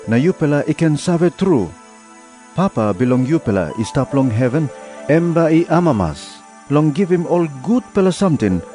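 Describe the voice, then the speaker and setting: A man with a Papua New Guinean accent reading scripture aloud in a measured storytelling manner. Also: medium pitch, mellow. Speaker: Bible reader.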